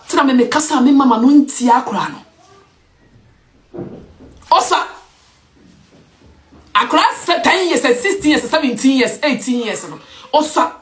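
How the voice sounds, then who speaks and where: A woman's voice: sits high, a little hiss or hum. A woman with a Ghanaian accent giving an emphatic opinion rant as an online commentator, switching between English and Twi.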